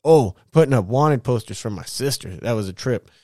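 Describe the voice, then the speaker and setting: A young man from Southern California telling stories from his youth in a laid-back, slangy, profane way, full of shout-outs to old friends. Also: medium pitch, animated, moderate pace, dry recording, clean studio sound. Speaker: vlogger. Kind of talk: casual storytelling monologue.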